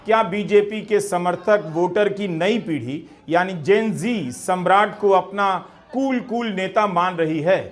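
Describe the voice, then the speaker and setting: A man delivering scripted political commentary in a measured, critical tone with rhetorical questions. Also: sits high. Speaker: news commentator.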